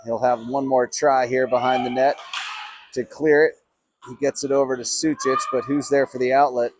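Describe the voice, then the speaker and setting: A man calling live play-by-play for a youth hockey game, chatty and easygoing, getting louder on big plays. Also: mid-range voice, normal speed, a little hiss or hum. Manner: chatty, laughs often, rises in excitement on big plays.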